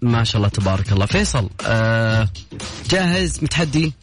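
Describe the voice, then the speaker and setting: A man hosting a radio call-in quiz, teasing callers in a rapid, playful way. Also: fairly low pitch, sing-song. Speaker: radio quiz show host. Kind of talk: lively call-in radio banter. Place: radio studio. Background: background music bed.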